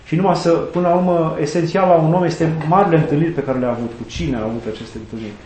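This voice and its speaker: This middle-aged Orthodox priest, also a student chaplain, has a voice on the high side that is steady and a little mellow. He offers reflective storytelling in a conversational interview, earnestly quoting sayings and saints, and the room is echoey.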